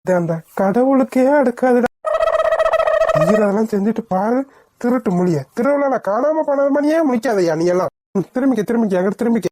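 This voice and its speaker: A woman's voice: a little high, animated, brisk, warm tone, slight background noise, close to an everyday voice. A woman doing teasing young cartoon men. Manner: bantering, mocking. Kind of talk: cartoon voice acting.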